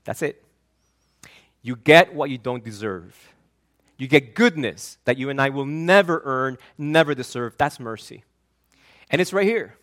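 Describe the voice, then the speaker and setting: Earnest pastor preaching. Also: male voice, mid-range voice, lively intonation, measured pace, pauses often, fairly bright tone. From Argentina. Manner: earnest, emphatic preaching with repeated words and restarts. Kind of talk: sermon.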